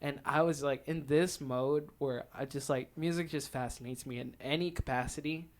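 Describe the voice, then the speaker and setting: A young man co-hosts a podcast, speaking in a mid-range voice with a steady tone at a moderate pace. He chats casually and shares personal stories, giggling and laughing often as he talks.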